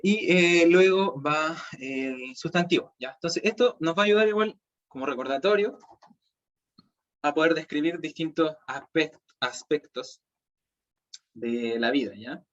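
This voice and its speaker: A man's voice: a little high, measured pace. Chilean man teaching over dull call audio. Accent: Chilean Spanish. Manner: explains step by step, checks in with "¿cierto?" and "¿ya?". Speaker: language teacher. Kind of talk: online class lecture.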